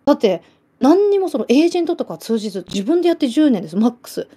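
A woman's voice: high voice, fast talker, slightly rough. A woman in her late thirties from Japan, with a Nagasaki island accent, chatting casually on a livestream, reading viewer comments and telling stories with giggles. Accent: Nagasaki island dialect. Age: late 30s. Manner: chatty, giggly, animated storytelling. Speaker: livestream host.

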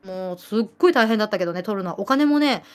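Chatty and giggly, this Japanese livestream host in her late thirties talks very fast at a medium pitch. She speaks with a Nagasaki island accent, reading out comments from viewers and launching into lively stories.

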